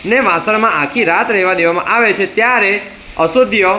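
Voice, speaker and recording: A Gujarati-accented male teacher leads a classroom science lesson in a bright, forceful voice, pitched a little high. He keeps asking a question and then repeating the answer himself, over and over. Faint noise sits under the recording. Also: brisk. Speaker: tuition teacher. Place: tuition classroom.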